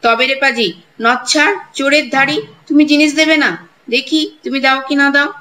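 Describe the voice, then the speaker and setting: A woman's voice: on the high side, animated, normal speed, a bit bright, rough recording. A woman voicing a harsh, bullying older village woman who scolds and threatens a girl in a storybook reading. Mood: furious.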